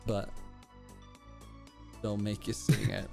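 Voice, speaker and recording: A man's voice: fairly low pitch, monotone, slow, vocal fry, dark tone. A man hosting a podcast in casual interview chat, wordy and effusive. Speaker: podcast host. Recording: music behind the voice. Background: background music.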